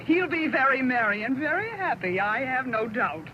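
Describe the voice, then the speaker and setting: A brisk, sharp-tongued mother scolds and fusses in a high voice. The old radio sound is muffled, with crowd chatter and noise. It is 1930s radio acting. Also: big pitch swings. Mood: indignant. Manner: brisk, scornful. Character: indignant mother Mrs Cratchit, sharp-tongued.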